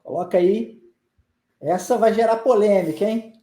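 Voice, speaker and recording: A man's voice: sits high, measured pace, warm tone, reverberant. A man with a Brazilian Portuguese accent gives a live online English pronunciation lesson, coaxing his viewers and drilling phrases through repetition. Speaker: English teacher.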